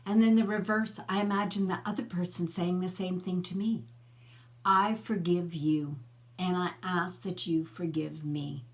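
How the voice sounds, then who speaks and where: A woman's voice: fairly low pitch, fairly even intonation, unhurried. Middle-aged woman coaching straight to camera. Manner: conversational and coaching, asks viewers questions. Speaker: host of her own personal growth channel. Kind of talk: casual talk to camera.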